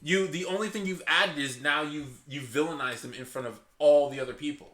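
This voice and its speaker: A channel host reasons aloud in casual commentary from a hot indoor room, passionate and often starting over. He mentions that his voice is naturally loud and that he's deliberately keeping it down. His tone stays steady, his pace is a little fast, and the room is reverberant.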